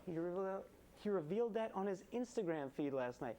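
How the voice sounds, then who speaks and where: A man's voice: high-pitched, expressive, a little fast, mellow, slight background noise. Male late-night host, twenties, punchy topical joke delivery, studio stage monologue. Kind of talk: comedy monologue with topical jokes. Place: student TV studio with painted skyline set.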